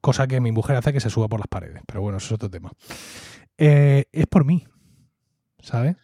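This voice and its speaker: This co-host, a Murcian-accented man from Murcia, Spain, spins fond, reflective stories on a podcast in casual talk, often finishing with "¿no?" as a question. He talks quickly and animatedly in a warm, medium-pitched voice. Studio quality, no room sound.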